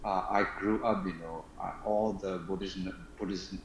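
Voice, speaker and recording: A man's voice: low voice, steady tone, normal speed, roomy sound, slight background noise, low-quality recording. A man from Burma with a Burmese accent, asking a meditation teacher questions hesitantly, with many restarts and "uh". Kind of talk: casual conversation.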